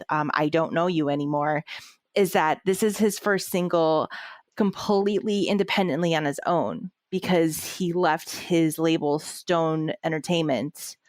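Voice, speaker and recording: A deep-voiced woman co-hosts a podcast, casually discussing and reviewing music while rambling with lots of fillers and restarts. The studio-quality recording has no echo.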